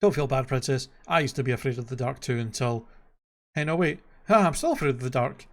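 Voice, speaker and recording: A man voicing an excitable, chatty donkey sidekick from an animated fairy tale, talking in a colloquial, exclamatory way. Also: medium pitch, fairly quick, natural voice.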